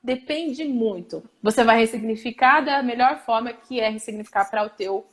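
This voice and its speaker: A woman's voice: a little high, normal speed. A woman therapist with a Brazilian accent, talking in a casual panel conversation, emphatic and full of rhetorical questions. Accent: Brazilian Portuguese. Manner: emphatic, repeats key phrases, asks rhetorical questions. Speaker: therapist and host.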